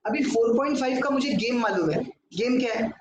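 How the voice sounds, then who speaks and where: A man teaching a lesson in a very high register, and he answers the questions he puts to the class. His voice rings around a hard, echoey room, and there is steady noise behind it. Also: fairly quick. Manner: talks at a board, asks and answers his own questions, mixes in English. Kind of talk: classroom lecture.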